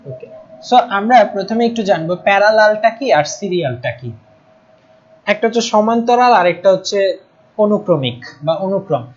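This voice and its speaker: A man's voice: sits high, lo-fi sound. A young man with a Bangladeshi Bengali accent, teaching a live online class, patient and repeating key terms while often asking if students follow. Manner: patient, checks in often with "ঠিক আছে?"; stresses spelling and pronunciation, repeating terms.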